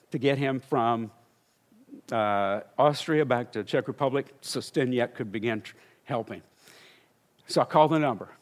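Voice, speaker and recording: An older man, a missionary preacher, telling a story in a sermon and building to fervent exclamations. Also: medium pitch.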